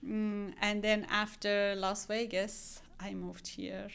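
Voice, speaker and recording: A woman's voice: medium pitch, level tone, slow pace, creaky, fairly bright tone, a little hiss or hum. A woman from Iran with an Iranian accent, a guest in a casual podcast interview, talking earnestly with frequent ums and restarts. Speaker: guest real estate agent.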